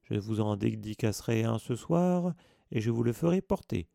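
A man's voice: medium pitch, lively intonation, moderate pace, vocal fry, mellow, no echo, clean studio sound. A man voicing a vain, pompous wizard who sounds pleased with himself. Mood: smug. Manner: pompous, self-satisfied.

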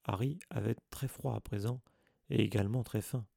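A man narrating an audiobook in a measured storytelling read. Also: on the low side, gravelly, warm tone, slightly rough, no room sound, studio quality.

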